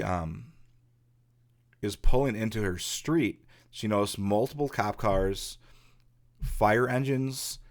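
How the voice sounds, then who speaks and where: A man hosting a podcast, telling a ghost story in a casual, rambling way with many restarts. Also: lowish voice. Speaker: podcast host.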